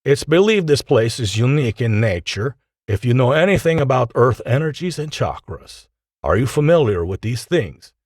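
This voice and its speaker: A man's voice: mid-range voice, big pitch swings, normal speed, darkish tone, no room sound, clean studio sound, voice pushed up. A man voicing a courteous Russian scientist in his mid-fifties, speaking formally with a heavy Russian accent. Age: 50s.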